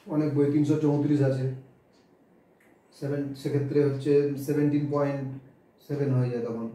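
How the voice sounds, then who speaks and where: A man's voice: mid-range voice, mellow, far from the mic. A man teaching a physics lesson, explaining step by step and working sums aloud. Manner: explains step by step, works sums aloud, mixes in English terms. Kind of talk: classroom physics lecture. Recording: very echoey room, voice away from the mic.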